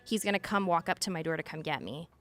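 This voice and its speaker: A woman in her thirties, a podcast guest, talking candidly and casually, with many filler words, frequent swearing and quick laughs. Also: deep voice. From Utah. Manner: chatty, lots of "like" fillers and swearing, laughs often.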